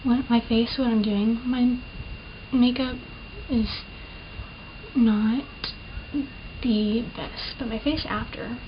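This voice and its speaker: A young woman films a chatty makeup session at home, wandering off topic, filling gaps with fillers, and teasing herself. Her tone stays steady and her pace slow, with frequent pauses; her voice is a little high with a slight lisp. Hiss runs under the dull, muffled audio from the camera's built-in mic.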